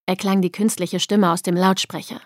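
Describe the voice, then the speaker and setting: Expressive woman narrating an audiobook. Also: lowish voice, normal speed, no echo, studio quality. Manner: expressive, acting out dialogue.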